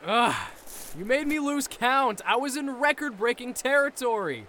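A man's voice: very high-pitched, lively intonation, normal speed, pushed and bright, slight background noise, full character voice. A man playing a dim-witted, cheerful soldier who talks in an oblivious, dopey way, in a comedic audio drama.

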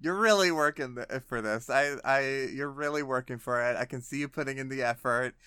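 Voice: mid-range voice, a little fast, a bit bright, clean tone, no room sound. A podcast co-host chatting casually, teasing their partner with dry, wry commentary. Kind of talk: casual chat.

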